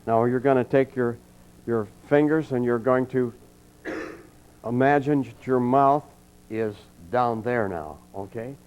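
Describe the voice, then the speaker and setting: A senior trumpet teacher with a mid-range voice addresses an audience in a college clinic room. Folksy and anecdotal, he tells stories and calmly walks the group through a breathing exercise, heard via a dull, lo-fi archival recording.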